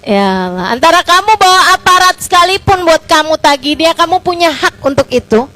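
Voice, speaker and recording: Seorang ustazah perempuan bersuara tinggi menyampaikan ceramah agama dengan santai. Ia banyak bertanya retoris kepada pendengar dan memakai kata pengisi sehari-hari. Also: female voice, extremely high pitch, a little fast, low-quality recording. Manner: chatty, asks rhetorical questions; lively with colloquial fillers. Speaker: Islamic religious teacher (ustazah). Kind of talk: casual religious lecture.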